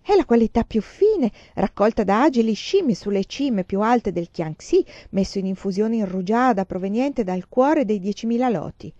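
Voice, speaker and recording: A stout, fawning teahouse owner gushes over his customers in a raised, eager voice, as a woman reading a storybook puts him on. The sound is mellow and a little dull, in a dry room. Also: high voice, animated, normal speed, few pauses, no echo, pitched above the performer's own voice. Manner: eager, bowing salesman's patter.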